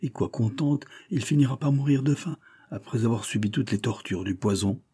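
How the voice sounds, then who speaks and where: A man's voice: mid-range voice, normal speed, dark tone, breathy edge, close to an everyday voice. Man doing a grave doctor. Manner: sober, matter-of-fact. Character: grave middle-aged male doctor.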